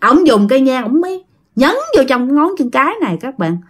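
A woman, telling a spooky tale casually. Her voice is high and melodic, and she swoops up and down a lot. She keeps turning to her listeners as she chats. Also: lively intonation, fast. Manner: chatty, addresses listeners directly. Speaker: storyteller. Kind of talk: casual ghost-story telling.

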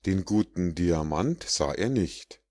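A man narrating an audiobook of rhymed fables in a measured, deliberate way. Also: sits low, lively intonation, a little mellow. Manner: measured, deliberate verse reading.

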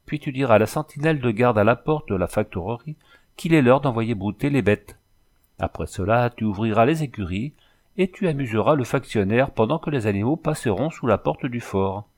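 A man reading aloud, voicing a proud young native woman in a storybook who speaks calmly and solemnly, often calling herself by name. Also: medium pitch, brisk, close to an everyday voice. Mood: commanding.

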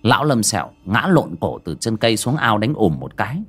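A man narrating an audio ghost story in a dramatic, lively storytelling manner. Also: fairly low pitch, fairly quick, slightly rough.

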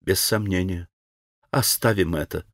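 A man reading an audiobook, voicing a proud, tormented young woman in quick, clipped, strained speech. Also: mid-range voice, a bit bright, no room sound, studio quality, close to an everyday voice.

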